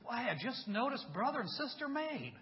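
A man preaching in a church sanctuary with a high voice. He jokes with his flock in a folksy way and swells into fervent, loud preaching. The recording is dull and carries a long church reverb. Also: big pitch swings, normal speed. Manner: rises to loud, intense preaching. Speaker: pastor. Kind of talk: church sermon.

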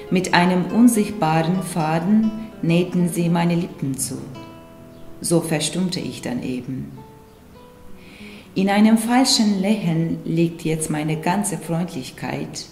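Slow, measured woman reciting poetry. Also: lowish voice. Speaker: poet. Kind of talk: poetry reading. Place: room with wooden screen. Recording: roomy room with soft music behind.

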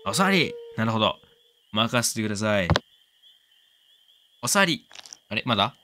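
Excitable man with a lively voice. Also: on the low side, unhurried, background noise. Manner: excitable, exclaims often, coos at the pet. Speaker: game commentator. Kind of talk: casual let's-play commentary.

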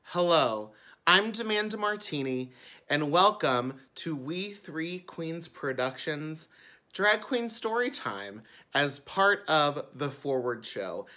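Indoors in front of a curtain, a man performing as a drag queen reads a picture book aloud to children with lots of expression and chatty asides. His voice is on the high side with a sharp tone.

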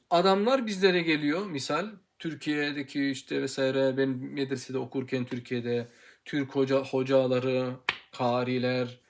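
Young male teacher in his twenties, mid-pitched, earnest, hesitant, repeats syllables to drill them. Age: 20s. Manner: hesitant with many pauses and fillers. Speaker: Quran recitation teacher. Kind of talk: informal video lesson.

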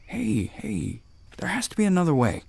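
A man's voice: high voice, huge pitch swings, normal speed, gravelly, darkish tone, slightly rough, heavily acted. An actor voicing a confused man stranded in the jungle in a video game, talking urgently with someone over a radio. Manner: shaken, urgent, searching.

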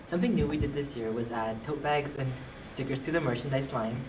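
A man's voice: medium pitch, a little fast. A young man from Honolulu, a college student, easygoing as he describes new club merchandise in a promo video interview. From Honolulu, Hawaii. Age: young adult. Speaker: student club public relations chair. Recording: distant mic, clear background noise.

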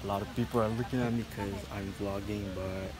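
A teenage boy vlogging casually on a phone camera, offhand and lively, at a farm and in a busy restaurant. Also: on the low side, brisk, over loud music. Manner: lively, offhand, self-conscious about filming in public. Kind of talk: casual vlog narration. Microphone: handheld phone camera. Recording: loud background noise.

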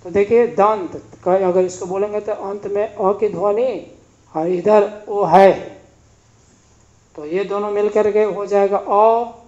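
A man's voice: high-pitched, steady tone, slow pace, mellow. A man teaching Hindi grammar in a classroom style, patiently repeating sounds and asking the listener to say them back. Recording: echoey room, slightly dull sound.

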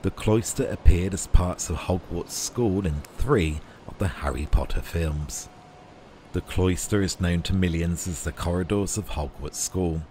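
A man narrating a scripted guided tour in a measured, informative manner, as a guide. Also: low voice, a little mellow, a little hiss or hum.

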